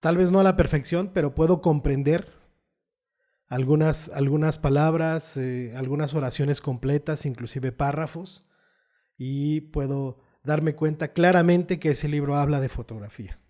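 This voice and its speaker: A photographer hosting his channel explains ideas in a patient, unhurried way, drawing on everyday examples and tag questions. His voice is fairly high in pitch with a dark tone, suited to an explanatory video talk.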